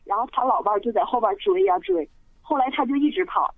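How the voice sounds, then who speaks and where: This woman from Sichuan, China, rings a radio show and tells a ghost story on the phone with lots of hesitant fillers. She talks fast in a high, very animated, gravelly voice, and the recording is dry and tinny.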